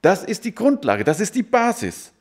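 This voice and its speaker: A man's voice: high-pitched, huge pitch swings, moderate pace, a little mellow. A man preaching a sermon who keeps asking his listeners rhetorical questions.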